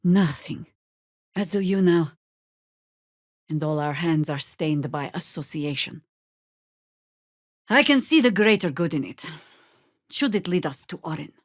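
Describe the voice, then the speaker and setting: An actress voices a seasoned, sardonic female druid warrior in a fantasy video game, world-weary but resolute, delivering scripted dialogue dryly, measuredly, and commandingly with shouted spell incantations. Her deep, expressive voice carries a resolute mood, with no room sound.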